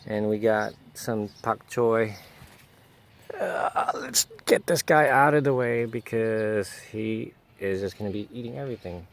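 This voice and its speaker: A man's voice: fairly low pitch, measured pace, vocal fry. A man giving a casual, rambling walk-through of his home garden outdoors, with frequent fillers and self-corrections.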